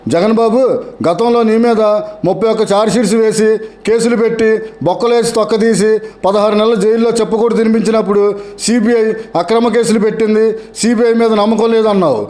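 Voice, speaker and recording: A man's voice: sits high, fairly even intonation, fast, darkish tone. A man narrating scripted political commentary in a sarcastic, mocking tone, repeating taunts.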